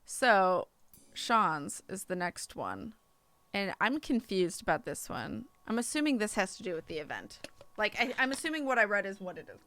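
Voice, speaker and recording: This live streamer is a woman with a mid-range voice at normal speed; the voice itself sounds dry, though game music plays behind it. She reads the story aloud with expression and chats casually between passages, interrupting herself as she reacts.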